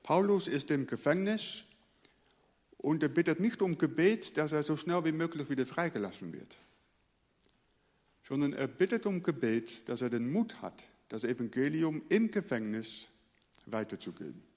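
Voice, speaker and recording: A male pastor from the Netherlands, a native Dutch speaker, preaching earnestly and letting his phrase endings fall quiet. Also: fairly high pitch, expressive, moderate pace, in a large hall. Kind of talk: sermon.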